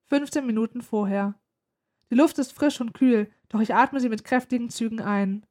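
A woman narrates a first-person story as an audiobook reader. Her voice sits a bit high, and she tells it in a calm, steady manner. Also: normal speed.

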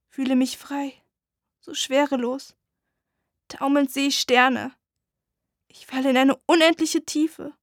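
A woman narrating a dramatic first-person audiobook in a slow, hushed, intense way. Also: high-pitched, no echo, clean studio sound.

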